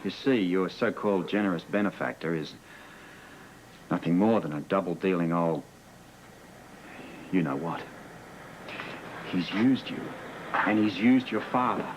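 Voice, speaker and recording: An actor playing a suspicious, insistent man in a television soap, speaking deliberately and probingly, like someone confronting a person with secrets. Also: sits low, highs cut off, slight background noise. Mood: probing, accusing. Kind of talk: television soap opera acting. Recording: music under dialogue, old TV soundtrack.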